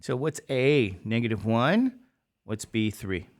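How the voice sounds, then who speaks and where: Slow-talking man teaching a math class. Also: mid-range voice, animated. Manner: asks the class quick questions and answers them himself. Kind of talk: classroom lecture.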